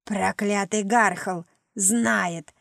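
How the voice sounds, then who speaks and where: A woman's voice: on the high side, takes it slowly, dry recording, clean studio sound. A woman voicing a wheezing little demon Narzul. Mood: furious. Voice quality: hissing, wheezing. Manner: pleading, panicked outbursts. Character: small grey male demon, cowering and hissing. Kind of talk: audiobook character voice.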